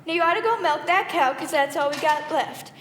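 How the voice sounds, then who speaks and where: A woman's voice: sits high, fairly quick, a bit bright. A young woman playing a stern rural mother in a school stage play, scolding in a folksy put-on mountain drawl. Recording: echoey hall, faint noise.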